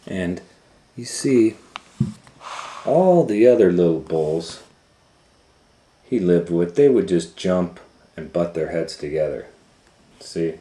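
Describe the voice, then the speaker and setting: Slow, warm, and animated, this deep-voiced man pauses often as he reads a children's story aloud. The storytime reader and educator keeps it conversational, adding asides, explaining, and questioning his audience, while the echoey room carries faint noise.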